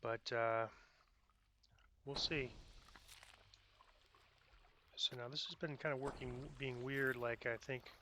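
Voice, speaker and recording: Male gamer, casual play-by-play, mid-pitched and bright, self-deprecating, thinks aloud. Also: slight background noise. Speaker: gamer narrating own gameplay. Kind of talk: casual game commentary.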